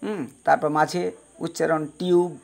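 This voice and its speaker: A man's voice: a little high, fairly even intonation, gravelly, darkish tone. Patient male teacher spelling words. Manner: slow, patient, repeats and spells out each word. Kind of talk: spoken English pronunciation lesson.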